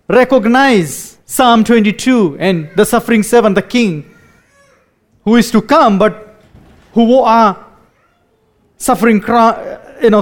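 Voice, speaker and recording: Guy preaching a sermon, kinda high pitched, repeats himself when he ad-libs. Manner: dramatic readings with sharp drops to a hush; repeats words when speaking off the cuff.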